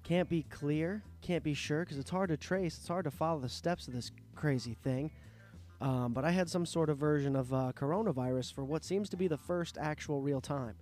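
A man talks into a studio mic for his solo podcast, his voice nasal and worn from a sore throat. The tone is dark and mellow, and he rambles, swears and interrupts himself. Faint music plays behind him. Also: fairly high pitch, moderate pace. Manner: rambling, profane, self-interrupting. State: sick, sore throat and coughing. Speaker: podcast host. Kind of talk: casual solo podcast monologue. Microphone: studio microphone.

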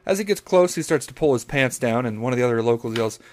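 A man chatting casually on a podcast. His talk is crude and profane, full of dirty jokes, in an average-pitched voice. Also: expressive, fast talker, darkish tone. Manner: crude, profane joke-telling. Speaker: podcast co-host.

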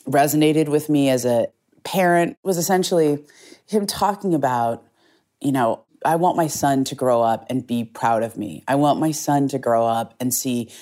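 Here the same journalist guest, a middle-aged woman, speaks in a deep voice with a darkish tone. Her storytelling in this conversational interview is earnest and reflective, with frequent restarted phrases.

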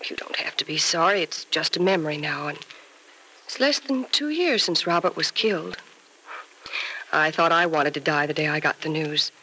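An actress playing a gentle, bereaved young nurse in a 1940s radio soap opera, consoling in an earnest, wistful, measured way. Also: female voice, sits low, rough recording. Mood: wistful sorrow. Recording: old radio recording with faint noise.

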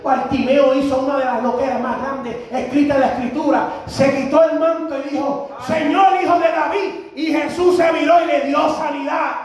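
A man preaches with fervor in a very high voice, pushing up into shouts on his key lines. The sound rings through a very echoey church hall. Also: flat delivery, normal speed, few pauses. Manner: fervent, rising to shouts on key phrases. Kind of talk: sermon. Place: church sanctuary.

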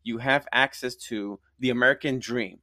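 A man's voice: mid-range voice, fairly even intonation, moderate pace, pushed and bright, dry recording, studio quality. A man hosting a live interview podcast, speaking enthusiastically and emphatically, repeating himself and checking in with tag questions. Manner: repetitive, emphatic, often tags phrases with "right?". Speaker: podcast host.

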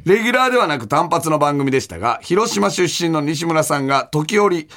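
A man's voice: a little high, animated, brisk, fairly bright tone. A man with a Kansai accent hosting a casual comedy talk show, chatting loosely and reading listener mail aloud.

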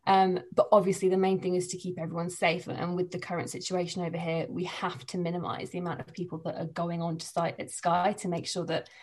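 An English woman, a sports presenter, chatting casually on a podcast from home with quick laughs. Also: lowish voice, monotone, a little mellow. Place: living room at home.

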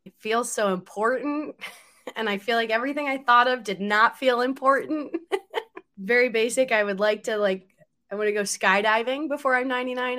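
Bright-voiced woman podcast co-host. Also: fairly high pitch. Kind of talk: casual podcast chat.

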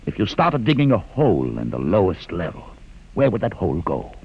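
An actor playing a calm, educated male mutant leader in a 1950s radio drama, measured and quietly ironic. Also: deep voice, slightly rough, muffled recording, exaggerated voice. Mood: calm, wry. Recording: old radio drama with long reverb.

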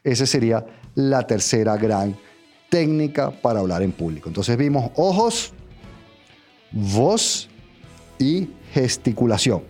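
A man giving a public speaking lesson, talking straight to the listener in numbered steps and checking in with a quick "ok?". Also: mid-range voice, big pitch swings, a little mellow, soft background music. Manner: direct, addresses listener as tú, numbered steps, frequent "¿ok?". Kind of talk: instructional talk.

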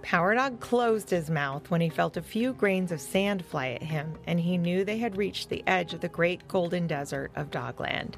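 Female storybook narrator, lowish voice, gentle and expressive, faint music bed. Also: normal speed, gravelly, hardly any pauses.

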